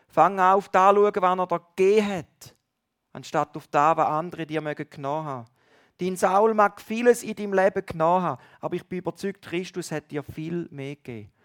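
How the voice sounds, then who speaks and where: A man preaching a sermon, speaking directly to his listeners and moving between loud stresses and hushed lines. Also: high voice.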